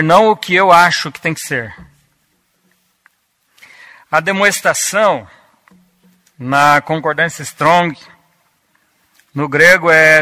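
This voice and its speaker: A man preaching a Bible-teaching sermon, deliberate and repeating key words for emphasis. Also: fairly high pitch, bright, forceful tone.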